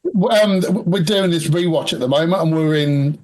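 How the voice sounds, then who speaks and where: A man's voice: a little high, moderate pace, crowd noise. A man co-hosting a podcast in casual chat about a TV series, conversational and self-deprecating, with some stammered restarts. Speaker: podcast co-host.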